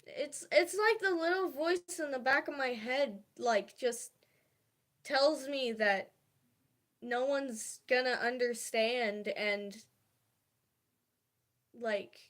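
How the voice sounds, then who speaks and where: During a livestream, a young woman speaks softly and hesitantly, confiding her feelings in a casual way with many fillers and restarts. Her high voice moves slowly, with long pauses.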